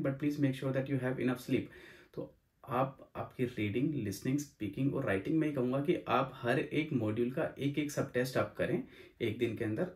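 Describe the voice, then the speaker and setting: A young man rattles through his advice at a brisk clip, his voice sitting at an ordinary middle pitch. He hosts his own channel as an exam coach, speaking casually, circling back over his points and dropping English phrases into his talk. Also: darkish tone. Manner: rapid, repetitive, mixes English phrases into Hindi. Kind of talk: casual explanatory video talk.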